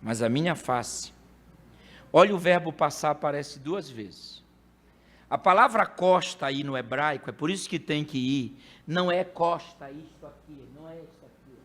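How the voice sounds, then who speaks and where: Man, pastor, church sermon, high voice, swings from shouting to soft teaching. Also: normal speed. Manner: preaching with sudden loud shouted bursts, then quiet explanation. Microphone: handheld mic.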